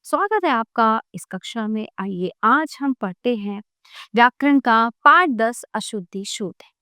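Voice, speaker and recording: A woman's voice: fairly high pitch, expressive, measured pace, sharp tone, no echo, studio quality. A woman teaching a grammar lesson to children, explaining patiently and often checking "right?" with her class.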